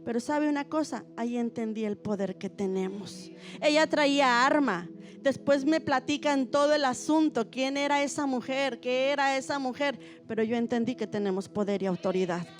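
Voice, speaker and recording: Fervent high-voiced woman pastor. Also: normal speed, soft background music. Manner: vivid storytelling that rises into fervent preaching. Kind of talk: sermon with a personal testimony.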